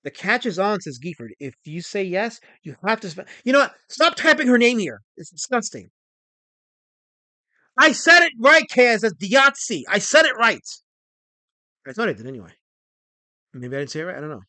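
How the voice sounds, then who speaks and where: A man in his forties hosting a casual livestream, excitable and rambling as he reads chat messages aloud. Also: high voice, moderate pace, long pauses, no room sound. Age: 40s. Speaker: livestream host.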